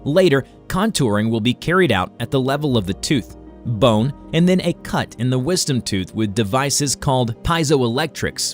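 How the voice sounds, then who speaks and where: A man reading a scripted educational medical explainer in a formal, instructional way. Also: medium pitch. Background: music.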